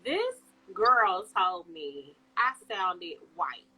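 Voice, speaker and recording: A woman from Chicago co-hosting a podcast in casual chat, animated and slangy, laughing often. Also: fairly low pitch, drawn-out words, a crowd in the background, poor audio. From Chicago, USA. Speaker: podcast co-host.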